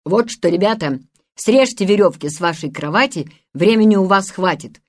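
A woman voicing a calm, commanding boy who leads his friends in a storybook reading. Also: medium pitch, normal speed, lightly acted. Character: bold, calm boy captain.

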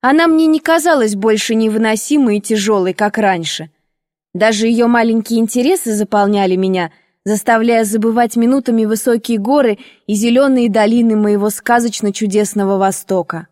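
A woman narrating a first-person audiobook in a measured, expressive storytelling manner. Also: a little high, dry recording, studio quality, big-room sound.

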